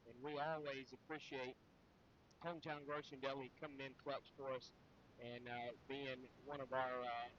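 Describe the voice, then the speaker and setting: A man's voice: mid-range voice, little pitch movement, moderate pace, a bit bright, a little hiss or hum. A man hosting a live sports pregame show, chatty with many fillers. His voice sounds muffled, as if through a wall. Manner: chatty, with frequent fillers and restarts. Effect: muffled, dull sound, as if through a wall. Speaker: sports broadcast host. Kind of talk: live pregame chat and sponsor reads.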